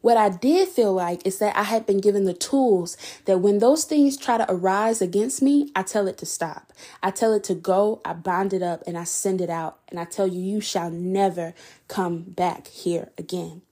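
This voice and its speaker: Woman, podcast host, faith testimony, candid, conversational, mellow dark tone. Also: mid-range voice, moderate pace. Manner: candid, conversational, preacherly emphasis.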